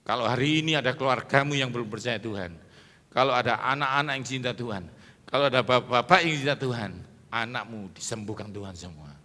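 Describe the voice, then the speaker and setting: A man's voice: medium pitch, a little fast, sharp tone. A middle-aged man preaching an emphatic sermon, calling on the congregation for amens and applause. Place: large church hall. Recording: long hall reverb.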